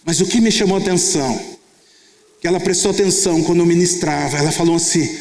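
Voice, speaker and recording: A man's voice: on the high side, quick pace, a little mellow. A man preaching a testimony sermon as a pastor, telling the story and acting out both sides of the conversations. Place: conference church hall. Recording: echoey hall sound.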